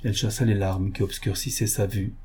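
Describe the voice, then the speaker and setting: A man narrating a novel as an audiobook, in a measured, expressive reading. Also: on the low side, slightly rough.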